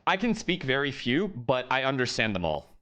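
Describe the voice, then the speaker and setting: A man streaming a live esports watch-along, excitable and profane, talking straight to his chat. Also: mid-range voice, moderate pace, faint music behind.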